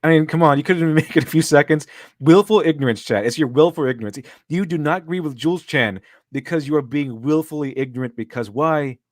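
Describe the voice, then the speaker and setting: A man's voice: fairly high pitch, quick pace, no room sound. Sarcastic male streamer, mocking tone, frequent laughs, dry close mic. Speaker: streamer and co-host. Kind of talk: casual livestream chat.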